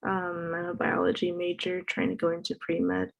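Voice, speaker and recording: A woman's voice: fairly low pitch, sing-song, normal speed, creaky, poor audio. Hesitant young woman student. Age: young adult.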